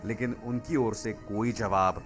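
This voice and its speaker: A man reading a formal, measured news voice-over. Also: lowish voice, steady tone. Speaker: news reporter. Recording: voice-over over loud music. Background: news music bed.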